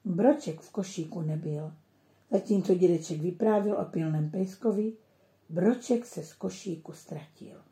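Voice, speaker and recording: Calm female storyteller, mellow voice, roomy echo. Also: lowish voice. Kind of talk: children's story reading.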